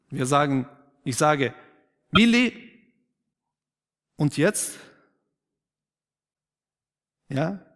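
Male preacher, a touch high-pitched, interactive sermon, softens for emphasis; church hall reverb. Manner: asks the congregation questions and affirms their answers; slows and drops to a quiet, emphatic tone for key points.

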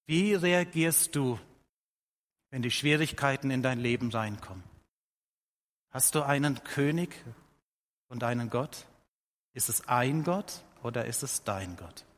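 German preacher in a reverberant hall. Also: male voice, mid-range voice, fairly bright tone. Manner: earnest, slows down for emphasis, quotes scripture with rising voice. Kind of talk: sermon.

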